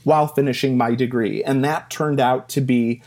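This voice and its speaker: A middle-aged man telling stories from his career in a casual interview, animated and self-deprecating, laughing and acting out quotes. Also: medium pitch, normal speed. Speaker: interview guest.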